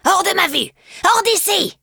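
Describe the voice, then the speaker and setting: A woman's voice: medium pitch, animated, moderate pace, gravelly, bright, forceful tone, dry recording, clean studio sound. A woman voicing an old child-eating forest witch who growls her threats. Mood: shrieking.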